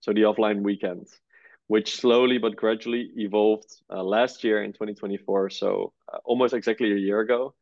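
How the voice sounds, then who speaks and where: The speaker is an easygoing Dutch startup co-founder in his twenties, appearing as a guest in a relaxed interview. His lowish voice is gravelly and a bit mellow, with a steady tone, moderate pace and frequent "uh" fillers, recorded dull and without echo.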